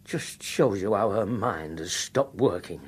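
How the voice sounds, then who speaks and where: A man with a husky voice reading a comic first-person story in a wry, put-upon way. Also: lowish voice, lively intonation, unhurried.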